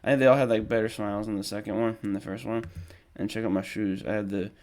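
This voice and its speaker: A man's voice: fairly low pitch, level tone, quick pace, darkish tone. Rambling young man telling a story. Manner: rambling, with many ums and restarts; shows photos while talking. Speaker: podcast host. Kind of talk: casual storytelling monologue.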